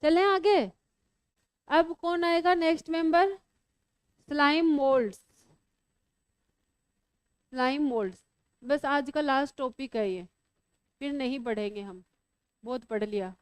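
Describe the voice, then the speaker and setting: A woman's voice: high voice, a little slow, pauses often, no echo. A woman teaching biology to a class, asking students questions and teasing them as she explains. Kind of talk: classroom lecture.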